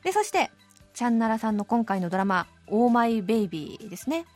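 A woman in her late thirties hosting a radio show, reading listener letters and answering them in a cheerful, animated chat. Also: fairly high pitch, quick pace, faint music behind. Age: late 30s. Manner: cheerful, animated, laughing often. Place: radio studio.

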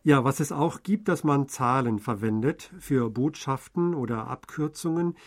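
A man co-hosting a radio program, explaining in conversation in a fluent, measured way. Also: mid-range voice.

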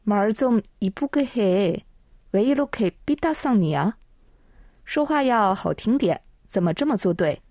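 Very slow, dry-voiced woman co-host. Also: mid-range voice, dry recording. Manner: calm, measured, explanatory. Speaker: co-host and Chinese translator. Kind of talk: bilingual language lesson.

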